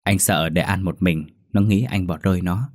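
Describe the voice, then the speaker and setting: A man voicing a halting, fearful husband. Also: deep voice, no room sound, clean studio sound. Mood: uneasy. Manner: halting, hesitant. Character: hesitant young husband, fearful.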